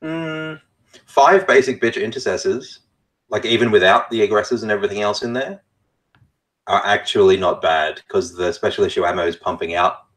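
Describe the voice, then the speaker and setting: A man's voice: fairly low pitch, moderate pace, a bit bright, low-quality recording. A man co-hosting a podcast in casual chat, dropping dry sarcastic remarks. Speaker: podcast co-host.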